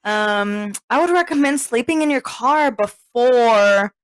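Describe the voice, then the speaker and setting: A woman's voice: a little high, lively intonation, takes it slowly, dry recording, low-quality recording. A young woman co-hosting a casual podcast, blunt and profane, laughing often. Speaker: podcast co-host. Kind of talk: casual chat.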